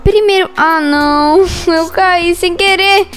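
High-voiced Brazilian woman narrating gameplay. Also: slow pace, soft background music. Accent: Brazilian Portuguese. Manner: excitable, squeals and giggles when scared. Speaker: gaming channel host. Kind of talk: casual gameplay commentary.

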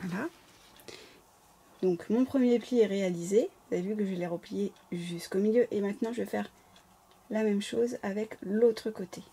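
A woman's voice: medium pitch, normal speed, mellow, breathy edge. A woman with a slight lisp giving informal, apologetic, step-by-step craft instructions as a tutorial host. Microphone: camera placed close over the work table.

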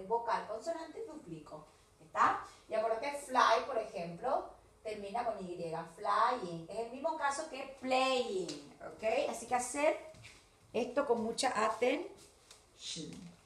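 A woman with a Rioplatense accent teaches young children English in a recorded video class, with a fairly high voice. She stretches out each English word slowly and carefully. The sound is echoey, as if recorded in a bare room. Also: a bit bright. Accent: Rioplatense Spanish. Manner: slow, careful, exaggerated English words for children.

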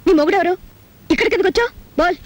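A young unmarried woman with a high voice and a rapid, cutting delivery. Film score music plays under her lines. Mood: scolding. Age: young adult. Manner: quick, sharp retorts. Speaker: film actress. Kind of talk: film dialogue.

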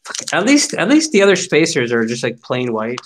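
This card break host, a man in his forties, speaks briskly in a medium, fairly bright voice that swings hugely in pitch, with slight background noise behind him. He chats easily while opening packs, keeping up mock-grumbling, wry remarks on each pull.

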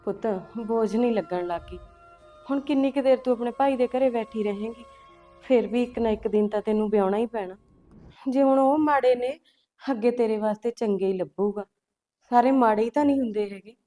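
A middle-aged woman as a gentle village mother, her voice a touch high and even. She coaxes and calms her children. Faint music runs under the scene. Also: a little fast, natural voice. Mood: soothing. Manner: calm, coaxing, keeps calling her children "son".

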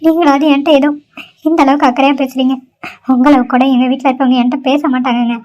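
A woman's voice: high-pitched, steady tone, fast, darkish tone, dull audio, close to an everyday voice. A woman voicing a sad young cartoon woman. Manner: sorrowful, despairing. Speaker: cartoon character.

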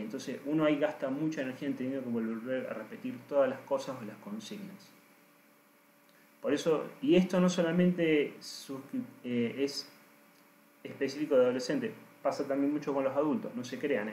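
A man, a coach giving a deliberate, emphatic lesson and speaking straight to his listeners. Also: medium pitch, a little mellow, a little hiss or hum. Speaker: coach teaching trainers. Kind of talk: recorded lesson. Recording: roomy echo.

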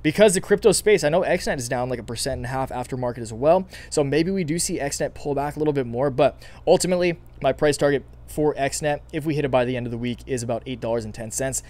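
Raspy fast-talking young man. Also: mid-range voice, darkish tone. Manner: rambling, repeats himself, many fillers. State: losing his voice, raspy. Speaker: stock market video host. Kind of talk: casual market analysis vlog.

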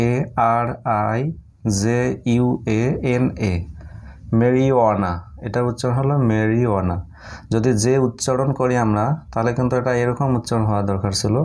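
A man teaches in a patient, plain classroom manner. He spells words out letter by letter and keeps pausing to check that his students understand. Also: mid-range voice, a little mellow. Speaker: English teacher. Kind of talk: spoken lesson to students.

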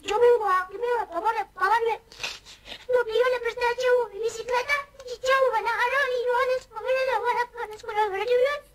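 A man's voice: extremely high pitch, steady tone, a little fast, a crowd in the background. A man playing a whiny, sulky overgrown boy who whimpers and pouts through a vintage TV comedy sketch. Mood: whiny sulk. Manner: whimpering, sulky childish talk. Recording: noisy old TV broadcast audio.

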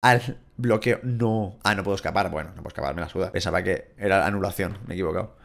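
A young man from Spain with a Spain Spanish accent, giving casual, excitable, crude Let's Play commentary and shouting at the game. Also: deep voice, fast, gravelly. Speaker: gaming YouTuber.

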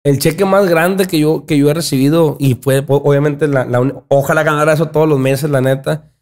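A young man with a Sinaloa Mexican Spanish accent, talking casually on a podcast in a small studio, animated and often restarting his words. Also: a little high, brisk. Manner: animated, gestures a lot, repeats and restarts words. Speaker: podcast guest, content creator. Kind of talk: casual chat. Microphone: studio mic on boom arm, headphones.

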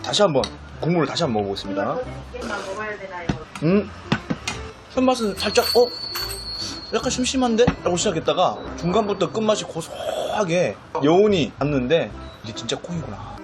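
A man hosting a casual food review show, animated and quick to laugh. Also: fairly high pitch, music in the background.

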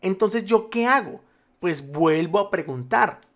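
Spreadsheet instructor, male, animated up-and-down delivery, patient and reassuring, keeps checking the viewer follows. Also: sits high, a little slow. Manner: formal address to the viewer, patient step-by-step explaining. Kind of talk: screen-recorded software tutorial.

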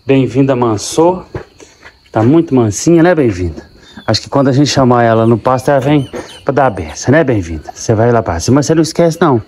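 A man's voice: mid-range voice, animated, fairly quick, a little mellow, a little hiss or hum. A man, a dairy farmer chatting casually and fondly talking to his cows on a farm. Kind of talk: casual farm vlog narration. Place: outdoors on a cattle farm. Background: faint animal, bird and insect sounds.

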